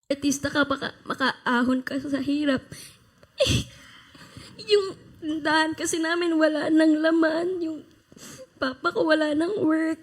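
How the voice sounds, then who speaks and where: High-voiced young woman, halting and teary. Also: fairly even intonation. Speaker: show guest.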